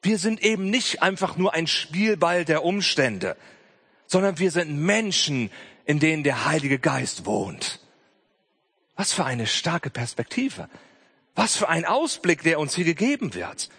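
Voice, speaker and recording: A man preaching a Pentecost sermon, emphatic and direct, often calling out "hey" and dropping into soft, low passages. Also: sing-song, a little slow, slightly rough. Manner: frequent interjected "hey". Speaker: pastor. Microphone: streamed church service.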